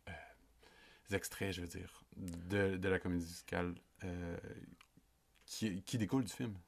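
A man's voice: sits low, unhurried, gravelly. A man in his thirties with a Quebec French accent co-hosting a podcast, chatting casually about films with many asides. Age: 30s. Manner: relaxed, frequent "je veux dire" asides. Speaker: podcast co-host. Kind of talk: casual film discussion.

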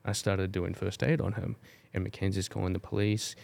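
A man's voice: sits low, a little fast, creaky. A young man with a New Zealand accent, telling stories in a casual podcast chat, tagging lines with "bro" and "right?". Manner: animated storytelling, says "bro" and "right?". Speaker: podcast co-host.

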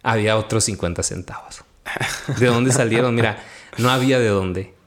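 Man, devotional host, animated storytelling. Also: fairly low pitch, moderate pace. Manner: animated storytelling, quotes his own prayers. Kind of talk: conversational testimony.

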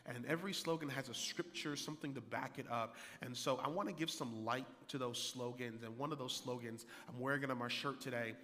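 A man in his thirties preaching a sermon as pastor, energetic, climbing louder and higher to drive points home and repeating key lines. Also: fairly quick, hardly any pauses. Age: 30s. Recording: hall reverb.

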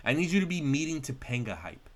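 A man co-hosting a podcast in casual chat, excitable and rambling, swearing often. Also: mid-range voice, quick pace. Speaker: podcast co-host.

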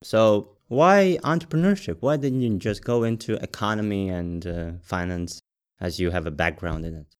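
Lively interviewer from Latvia. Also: low-pitched, normal speed, clean tone. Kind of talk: interview questions.

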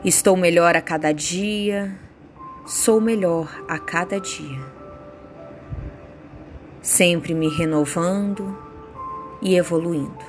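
A woman guiding a meditation with affirmations in a soothing, unhurried way, leaving pauses between phrases. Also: fairly low pitch. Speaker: meditation guide. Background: soft background music.

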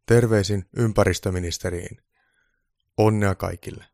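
A man voicing an old Santa Claus who booms cheerful calls and grumbles when puzzled. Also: fairly even intonation, gravelly, a little mellow, dry recording, studio quality. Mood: reading aloud. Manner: booming exclamations, grumbling mutters.

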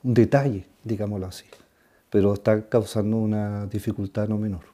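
Mellow-voiced priest chatting on a podcast. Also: male voice, on the low side. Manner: halting, frequent restarts, animated when telling stories. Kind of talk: casual podcast conversation.

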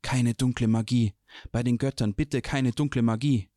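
A man's voice: medium pitch, expressive, fairly quick, dry recording, clean studio sound, pitched above the performer's own voice, close to an everyday voice. A man voicing a young male apprentice mage, anxious and puzzled, in a raised and searching tone for a fantasy audiobook. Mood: panicked.

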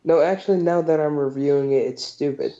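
A man's voice: on the high side, fairly quick, mellow. Man rambling through a movie recap. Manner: rambling, filler-heavy retelling. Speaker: podcast host. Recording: dull lo-fi podcast recording.

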